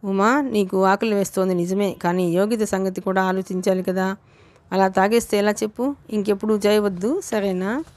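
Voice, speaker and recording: A woman voicing a kind, sensible young woman who speaks calmly and gently firmly in an audiobook. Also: medium pitch, normal speed, dry recording, lightly acted. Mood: gentle. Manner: calm, gently firm.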